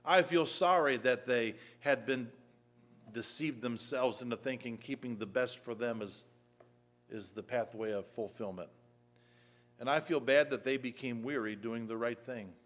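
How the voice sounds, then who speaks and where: Earnest male pastor preaching a sermon. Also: unhurried. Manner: earnest, rises to emphatic scripture reading, drops soft and low. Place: church.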